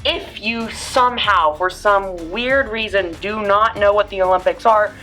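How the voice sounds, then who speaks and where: Brief: woman host, playful scripted explainer, joking asides, mid-pitched voice. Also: unhurried, pushed and bright, soft background music. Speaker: student news segment host.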